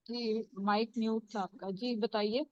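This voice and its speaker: A woman leads an online Quran recitation lesson, speaking slowly and patiently as she calls on students and models each sound. Her voice sits a little high. The call audio is dull and dry. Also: steady tone, a little mellow, dry recording. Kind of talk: online tajweed class. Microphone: video call.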